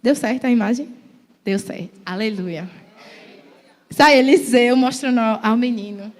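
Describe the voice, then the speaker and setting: A woman's voice: on the high side, moderate pace. A young woman with a Brazilian accent preaching a church sermon in a conversational, playful storytelling way.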